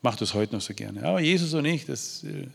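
A man's voice: mid-range voice, animated, fairly quick, creaky, fairly bright tone, husky. Heartfelt male preacher in a reverberant hall. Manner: heartfelt, pleading, with frequent restarts and stammered repeats. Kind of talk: emotional testimony and preaching.

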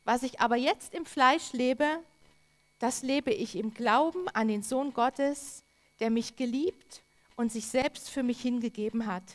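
A woman preaching a sermon, earnest and emphatic, with drawn-out repetitions. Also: fairly high pitch.

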